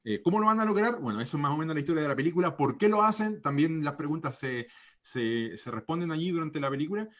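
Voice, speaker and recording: A man's voice: on the high side, lively intonation, fast, fairly bright tone, lo-fi sound. Hesitant Chilean man hosting a panel. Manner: hesitant, many fillers and restarts. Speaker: host. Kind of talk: casual panel discussion.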